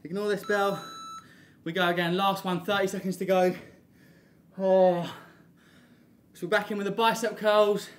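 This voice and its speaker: A man's voice: sits high, level tone, fairly quick. A man, out of breath as he coaches a workout while exercising, giving short motivational cues. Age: 30s. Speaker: fitness coach. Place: indoor gym studio with hard floor. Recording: echoey room, audible background noise.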